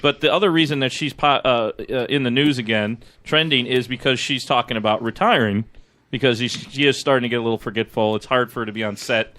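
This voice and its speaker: A man's voice: medium pitch, fast talker, a bit bright. A man hosting a live radio show, chatting casually and laughing easily with guests in the studio.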